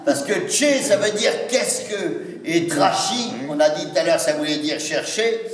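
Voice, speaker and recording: A man's voice: fairly high pitch, lively intonation, unhurried. A man with a Norman accent doing a folksy, teasing stand-up monologue before a live audience, full of interjections and rural slang. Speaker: stage comedian. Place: large indoor hall with a live audience. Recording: echoey hall, recorded from far off.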